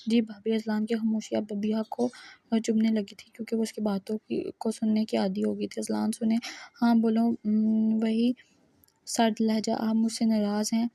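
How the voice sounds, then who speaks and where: A woman's voice: a little high, vocal fry, warm tone, breathy edge, low-quality recording. A woman reading a romance novel aloud, speaking every character's lines in her own voice. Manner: reads dialogue of many characters without changing her voice. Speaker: novel reader.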